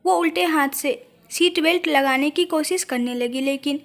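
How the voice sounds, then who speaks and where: A woman reading a romantic audio story aloud as the narrator, in a soft, expressive way. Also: high-pitched, moderate pace.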